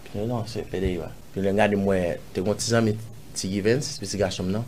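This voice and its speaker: A man with a Haitian accent, an interview guest recounting a personal story, acting out other people's lines with sudden loud jumps and dropping to murmurs. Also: fast. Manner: animated, acts out others' lines in raised voice; drops to low murmurs and whispers.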